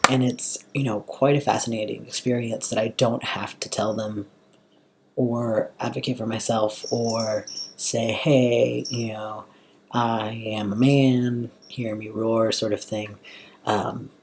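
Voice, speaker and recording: A young American man with a slightly husky voice and a valley girl way of talking, chatting casually in a personal vlog. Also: medium pitch, a little mellow, slight background noise. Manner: valley girl inflection, drawn-out casual phrasing. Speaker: vlogger.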